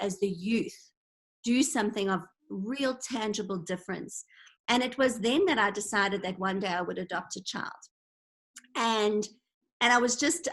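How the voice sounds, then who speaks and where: This interview guest, a woman from Zimbabwe in her forties, chats casually on a video call, sharing stories thoughtfully and sincerely. Her voice sits at a medium pitch with noticeable vocal fry.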